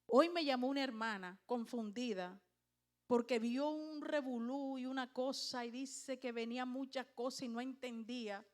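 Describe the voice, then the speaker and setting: A high-pitched woman pastor preaches with emphatic force. She keeps tossing questions out to the congregation and drives each point home. She sounds middle-aged. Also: normal speed. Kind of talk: sermon.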